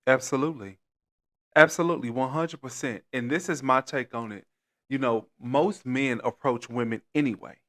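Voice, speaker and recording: A man co-hosts a relaxed conversation at a middle pitch. He backs his partner firmly and states his own take with steady emphasis. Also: moderate pace. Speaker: co-host. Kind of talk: casual chat.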